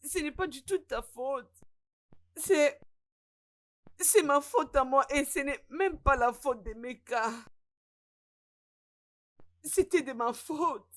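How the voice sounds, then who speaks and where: A woman's voice: high voice, takes it slowly, pauses often, a bit bright. A woman dubbing a wounded young ex-wife, proud and grieving, with earnest, emotional delivery in a French-dubbed film drama. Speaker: caterer, ex-wife.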